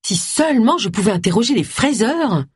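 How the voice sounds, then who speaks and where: Narrator as a determined middle-aged woman detective in an audiobook, animated, husky and dry. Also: a little high, brisk, dry recording, pitched above the performer's own voice. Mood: reasoning. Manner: determined, reasoning aloud. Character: stubborn amateur woman sleuth, sharp-minded.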